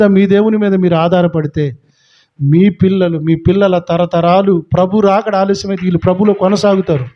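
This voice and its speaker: A man's voice: sits high, muffled recording. A man preaching a sermon as a pastor, emphatic, with frequent rhetorical questions.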